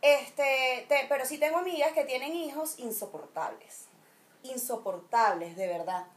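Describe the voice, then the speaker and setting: A high-pitched woman with a Venezuelan accent, talking in a relaxed, casual chat. She speaks frankly and firmly, dropping slang into her stories and opinions. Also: a little slow. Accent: Venezuelan Spanish.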